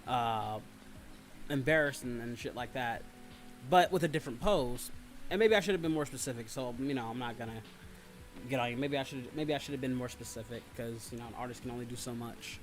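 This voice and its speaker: A man hosts a livestream with background music playing behind his voice. He speaks a little fast at medium pitch, chatting casually with listeners in a rambling, sometimes profane way.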